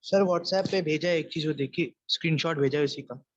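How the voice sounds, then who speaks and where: A man's voice: fairly high pitch, a little fast, dull audio, a little hiss or hum. A man speaking up as a student in an online class, polite but insistent.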